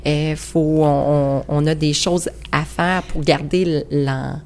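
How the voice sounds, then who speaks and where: A woman's voice: sits low, level tone, slow pace, a little mellow. A middle-aged woman with a Quebec French accent, a mother speaking earnestly and in detail about raising her son, recorded at a studio microphone. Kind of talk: recounting personal experience in an interview. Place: radio studio.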